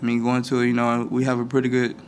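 A young man, a college football player, answering postgame press conference questions at a table microphone, measured and full of "I mean" fillers. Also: medium pitch, monotone, slight background noise. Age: young adult.

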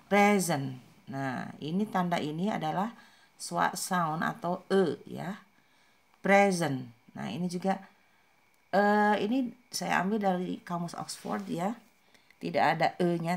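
A woman whose first language is Indonesian gives an informal pronunciation lesson. Her voice sits low with a gravelly edge. She talks slowly, with fillers, and says each example word again and again to show the stress. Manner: slow, repeats words for stress with many fillers. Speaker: English pronunciation teacher.

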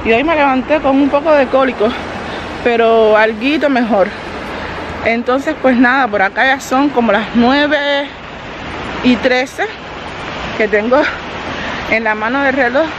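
Traffic and street noise fill this dull, noisy recording of a woman vlogging as she walks along a road. Holding the camera herself, the family vlogger talks straight to her viewers in a high voice at a measured pace with long pauses.

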